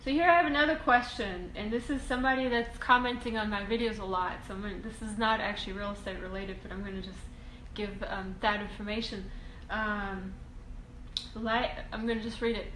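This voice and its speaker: A woman from Russia, a real estate investing educator, answering viewer questions in a casual Q&A video, halting with frequent ums and restarts. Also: medium pitch, steady tone, a bit bright. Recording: echoey room, faint ambient hiss.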